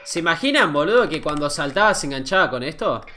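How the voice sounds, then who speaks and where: A man with an Argentine accent, reacting live as a streamer, excitable and casually swearing while he greets his chat. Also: on the high side, fast talker, faint music behind. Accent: Argentine Spanish.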